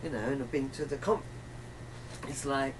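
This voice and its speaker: In a casual chat at normal speed, a woman with an extremely low-pitched voice rambles in an emphatic, colloquial way and often acts out bits of reported speech. The mic sits at a distance, catching faint room noise.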